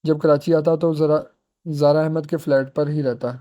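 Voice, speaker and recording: Man, audiobook-style novel narration, steady storytelling, mellow dark tone, slightly high pitch. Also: moderate pace. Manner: steady storytelling, with small restarts. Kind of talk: reading a romance novel aloud.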